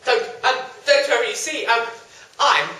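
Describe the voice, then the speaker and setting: Storyteller doing a high whiny young guy, bratty and jumpy, echoey room far from the mic. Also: expressive, moderate pace, sharp tone, a little hiss or hum. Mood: nervous. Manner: high, childish whining. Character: whiny spoiled young man seeking luck.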